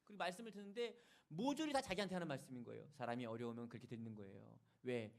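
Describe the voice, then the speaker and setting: A man's voice: medium pitch, rapid-fire, gravelly. A male pastor preaching a Sunday sermon in a church, telling stories with dramatic, emphatic rises. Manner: dramatic storytelling, emphatic and rising. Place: church sanctuary.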